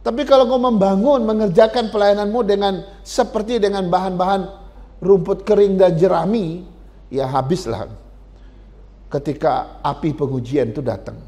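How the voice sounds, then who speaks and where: A male pastor preaching a sermon in a high, light voice. He talks conversationally and keeps turning to the congregation directly. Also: moderate pace, warm tone.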